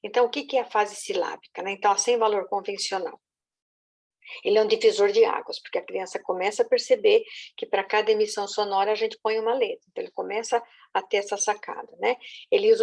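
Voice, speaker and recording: A woman gives a patient teaching talk on how children learn to write. Her voice carries a steady gravelly edge at a middle pitch. She keeps checking in with her listeners as she explains. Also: fast. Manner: patient, with many "né?" and "tá?" check-ins. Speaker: literacy teacher.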